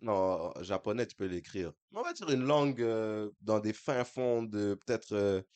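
A man's voice: fairly low pitch, expressive, normal speed, darkish tone. A man, chatting on a podcast in a laid-back way and dropping English tags into his sentences. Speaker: podcast co-host. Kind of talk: casual chat between friends.

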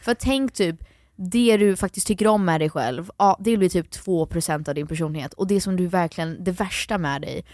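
A young woman co-hosting a casual chat, giving blunt opinions and swearing freely. Her voice is lowish and sounds dry and close, with no room around it. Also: a little mellow, dry recording. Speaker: podcast co-host.

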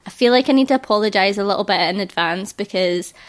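A woman in her thirties, a birth educator, hosts a solo podcast with music playing behind her. She talks fast in a mid-range voice that's slightly croaky from illness, sounding earnest and reassuring.

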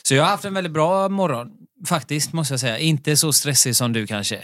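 A man co-hosting a podcast, talking in relaxed, easygoing casual chat with hesitant fillers. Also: a little high, no room sound, studio quality.

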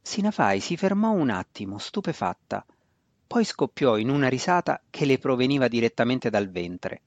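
A man's voice: medium pitch, very animated, normal speed, dry recording. A man narrating a fantasy novel as a reader. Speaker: audiobook narrator. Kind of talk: scripted narration. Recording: dry, dull lo-fi recording.

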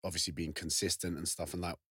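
A man's voice: deep voice, little pitch movement, fast talker, fairly bright tone, breathy edge, dry recording, studio quality. A man with an urban London-Essex south-east English accent hosting a casual chat, prodding his guest with slangy banter. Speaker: podcast host.

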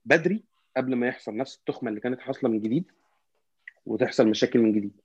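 Casting: Egyptian-accented man, quick but halting casual sports talker, dry, slightly muffled lo-fi sound. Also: medium pitch, slightly rough, no echo. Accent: Egyptian Arabic. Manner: halting, repetitive, often searching for words. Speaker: football fan commentator. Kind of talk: casual football discussion.

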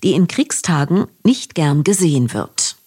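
A woman co-hosting a news podcast, reading a script in a measured, explanatory way. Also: sits low, expressive, darkish tone, breathy edge. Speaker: podcast co-host.

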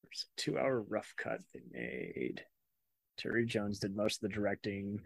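A man's voice: on the low side, big pitch swings, measured pace, creaky, slightly rough, no room sound. A man co-hosting a podcast in casual chat, laid-back and reading out facts. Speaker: podcast co-host.

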